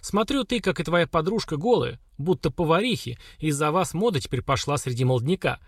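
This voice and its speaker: A man's voice: fairly high pitch, animated, brisk, husky, no echo, studio quality. A man voicing a stern, mocking older woman warrior who scolds the girls. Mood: scolding.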